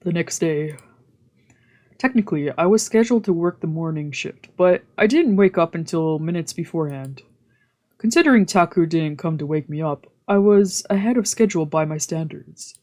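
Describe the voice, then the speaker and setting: With visual novel music underneath, a mellow, mid-range voice reads the game's story aloud at a normal speed. The intonation is lively, and the streamer drops in casual, musing side comments along the way.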